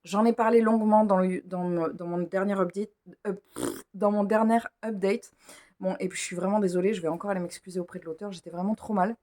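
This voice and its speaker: A woman's voice: medium pitch, fairly even intonation, fairly quick, darkish tone. A woman talks casually as she unboxes gifts for her book vlog. She chats freely, stumbles over author names and pokes fun at her own slips. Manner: chatty, stumbles over names, self-mocking. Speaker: book vlogger.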